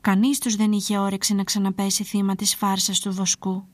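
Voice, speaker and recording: A woman's voice: mid-range voice, no room sound. Woman narrating a fairy tale. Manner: calm, expressive storybook telling. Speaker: storyteller.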